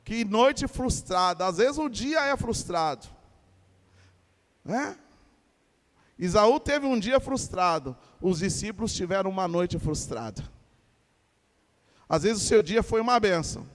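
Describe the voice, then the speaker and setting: Animated Brazilian pastor preaching in a hall. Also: male voice, sits high, a little slow, pauses often. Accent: Brazilian Portuguese. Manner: animated preaching with call-and-response to congregation. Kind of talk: sermon. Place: church.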